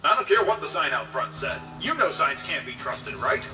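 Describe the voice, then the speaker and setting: A man's voice: on the high side, sing-song, moderate pace, bright, forceful tone, reverberant, distant mic, soft background music, pitched below the performer's own voice, heavily acted. A man voicing a brash, cheapskate corporate boss making blunt announcements in a game. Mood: brusque.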